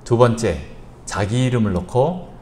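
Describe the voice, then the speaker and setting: A man's voice: medium pitch, a little slow, darkish tone. A male pastor preaching an evening church sermon, repeating short instructions and having the congregation recite after him.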